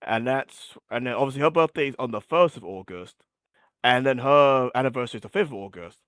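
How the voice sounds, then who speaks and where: A man's voice: mid-range voice, lively intonation, a little fast, fairly bright tone, dry recording, studio quality. A man as an interview guest, chatting casually and rambling with lots of filler words, his voice getting worn. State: losing his voice. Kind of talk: casual chat.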